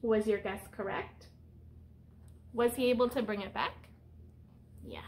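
With a steady, darkish voice on the high side and a measured pace, a thirtysomething woman reads a picture book aloud as a teacher in a small room. She puts questions to young children and explains simply in instructive language; a little hiss or hum runs underneath.

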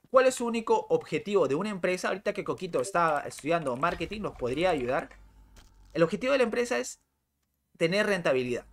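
Male game streamer, chatty and animated, pitch swinging widely between calls and asides. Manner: animated and talkative, full of rhetorical questions. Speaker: gaming streamer. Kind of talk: live gameplay chat with a rant to viewers.

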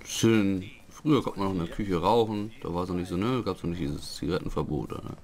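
A man's voice: low-pitched, fairly quick, darkish tone. A man doing casual commentary as he plays a video game. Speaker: let's player.

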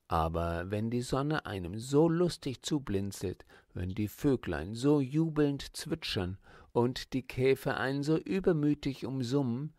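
A man reading a children's storybook aloud as audiobook narrator, in a calm, measured manner. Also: mid-range voice, dry recording, studio quality.

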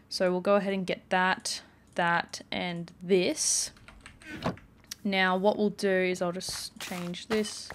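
Woman, gaming channel host, casual chatty play-along, mid-pitched voice, faint keyboard clicks behind. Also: fairly bright tone, slight background noise. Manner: chatty, rambling, many "like" and "um" fillers. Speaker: gaming YouTuber. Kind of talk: casual let's play commentary.

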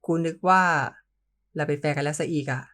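A man's voice: fairly high pitch, fairly even intonation, a little fast, fairly bright tone, close to an everyday voice. A reader voicing a confident young man who teases and coaxes his partner in an audio novel. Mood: teasing. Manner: teasing, coaxing, informal.

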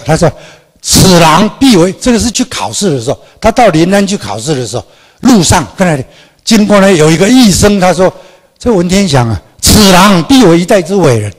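Older guy lecturing in a big hall, voice swings up and down a lot, kinda high, keeps quizzing the crowd. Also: husky. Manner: animated, asks the audience questions. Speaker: history professor giving a public lecture. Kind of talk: public lecture. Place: large conference hall.

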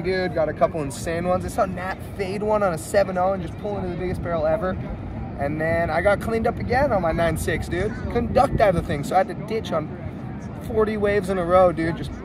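A young man chatting casually in slangy, profane, hyped surfer talk, recorded on a phone on an open beach. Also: on the high side. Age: young adult. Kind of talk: casual vlog chat. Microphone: phone at arm's length. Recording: noisy outdoor phone recording, surf and wind.

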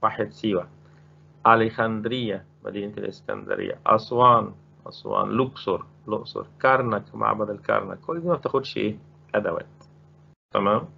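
Teaching Spanish grammar with an Egyptian Arabic accent, this man goes step by step, repeats every word and poses rhetorical questions. His voice is fairly low, creaky and fast, heard over dull audio with slight background noise.

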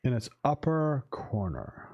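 A man's voice: medium pitch, huge pitch swings, slow, slightly rough, lo-fi sound. A man streaming a card game, casually commenting and reading the game's text aloud as he muses. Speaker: game streamer and English teacher.

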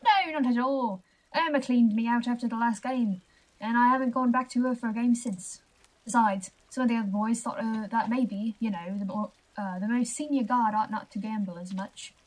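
Woman voicing a jumpy old male castle guard, thick accent, stumbling, loud. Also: fairly high pitch, moderate pace, natural voice, poor audio. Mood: flustered.

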